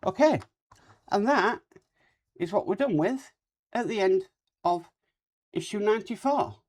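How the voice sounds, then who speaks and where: A model-building host talks through a build in a casual, hands-on way, speaking with a cold sore on the lip. The mid-pitched voice sounds animated yet unhurried and a little mellow.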